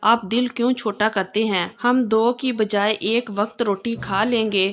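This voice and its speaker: Cheeky loving young wife, read by a woman, somewhat high voice, storybook reading. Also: fairly even intonation, measured pace, natural voice. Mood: reassuring. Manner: sweet and teasing.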